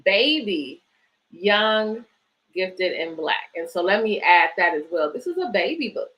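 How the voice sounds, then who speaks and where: Very animated and a little slow, this woman's lowish, somewhat bright voice carries a children's bedtime story series. As host and director of a book organisation, she reads picture books and chats warmly with families.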